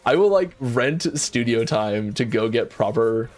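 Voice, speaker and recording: A man with a mid-range voice and a very lively, bouncing pitch chats casually on a game developer stream. He often stumbles, repeats words and restarts his sentences as he thinks aloud. Faint music plays quietly behind him. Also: unhurried. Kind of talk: casual livestream chat while playing. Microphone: desk mic.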